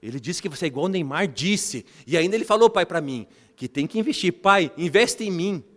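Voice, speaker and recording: A man preaches to his congregation with lively energy, his voice sitting on the higher side. He keeps calling out to the brothers and weaves in family stories. The sound rings with the long reverb of a church hall. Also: fast. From Brazil. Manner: animated, addresses congregation as brothers, tells family anecdotes. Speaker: bishop preaching. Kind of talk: sermon.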